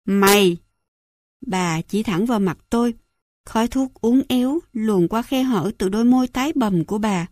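A woman narrating a memoir audiobook in calm, even storytelling into a close studio mic. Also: a little high, normal speed, no room sound. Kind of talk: scripted narration.

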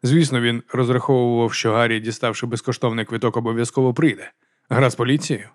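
A man's voice: mid-range voice, fairly even intonation, fast talker, dry recording. Man narrating a crime novel, dry. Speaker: audiobook narrator. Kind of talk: scripted narration.

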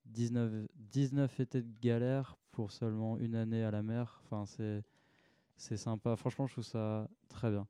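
A man's voice: lowish voice, level tone, normal speed, dark tone, clear, resonant tone, dry recording. A young man hosting a radio show, telling a casual story about rap with lots of fillers. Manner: chatty storytelling with many fillers.

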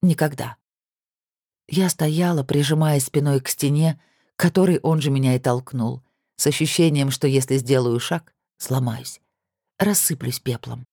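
Low, husky woman reading a dramatic audiobook. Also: moderate pace, warm tone, dry recording, clean studio sound. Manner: intense, dramatic. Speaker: audiobook narrator. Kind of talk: scripted first-person audiobook narration.

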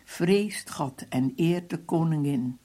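A reader voicing a devout old father who answers slowly and steadily. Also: medium pitch, slightly rough, full character voice. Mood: calm. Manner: steady, gentle.

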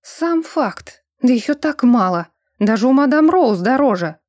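A woman's voice: high voice, big pitch swings, unhurried, darkish tone, no room sound, voice pushed up. A woman voicing a weary, exasperated young man in a storybook reading. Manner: exasperated and reproachful.

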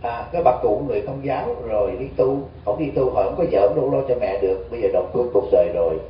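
A man's voice: mid-range voice, rapid-fire, a little hiss or hum. A Buddhist monk gives a dharma talk, tells stories and keeps asking his audience questions. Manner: storytelling, asks the audience questions. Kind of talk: sermon. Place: community center hall. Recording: distant, dull, echoey hall recording.

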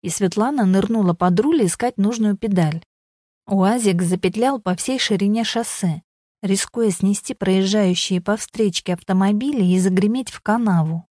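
Woman, audiobook narrator, lively storytelling, mellow, dry. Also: medium pitch, moderate pace, no room sound. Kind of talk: audiobook reading.

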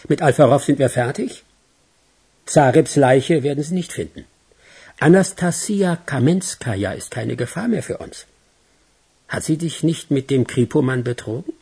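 Acting in a German radio crime play, a man voices a wary, businesslike criminal who tersely and insistently urges his partner on. His husky, medium-pitched voice is expressive with a darkish tone, at normal speed.

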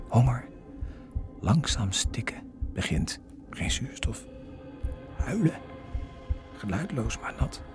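A man giving hushed, fragmented first-person narration for a radio drama. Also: lowish voice. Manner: hushed, fragmented, halting phrases. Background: music.

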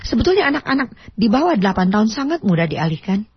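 A woman on a radio talk show giving parenting advice, explaining with animated emphasis and acting out parent speech. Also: on the high side, fast talker, husky, no echo. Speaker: parenting expert guest. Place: radio studio. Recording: dull lo-fi radio audio.

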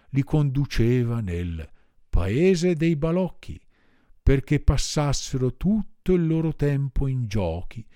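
Measured man reading a storybook. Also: a little high, warm tone, dry recording, studio quality. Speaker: audiobook reader. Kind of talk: scripted narration of a children's classic.

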